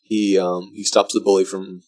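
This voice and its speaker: A drunk man giving casual, rambling movie commentary, halting and meandering, often trailing off mid-thought. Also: sits low, flat delivery, darkish tone. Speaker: vlogger reviewing a film.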